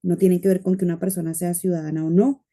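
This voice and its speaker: Woman on a discussion panel, lowish pitch, really mellow warm tone, earnest and chatty with lots of fillers. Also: flat delivery, quick pace. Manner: anecdotal, earnest, uses fillers.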